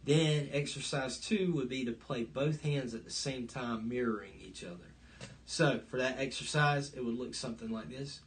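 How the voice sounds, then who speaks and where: A man's voice: medium pitch, moderate pace, a little hiss or hum. A man teaching a live online drum lesson, explaining stroke types step by step and counting beats aloud, recorded on a phone's front camera. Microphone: phone front-facing camera.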